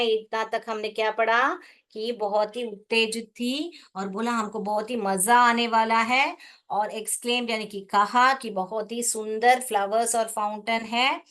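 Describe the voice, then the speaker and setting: Indian lady teacher going over english words in class, slow and careful, spells stuff out, kinda high voice. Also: a bit bright. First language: Hindi. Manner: spells words slowly, repeats and asks pupils questions. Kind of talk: classroom lesson explanation.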